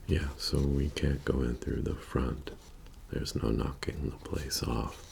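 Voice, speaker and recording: A man in a whispered role-play as a methodical bank heist planner, speaking in a soft, whispery, halting and matter-of-fact murmur. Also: very deep voice, steady tone, creaky, a little hiss or hum, full character voice. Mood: calm, methodical. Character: methodical male bank heist crew planner briefing his team.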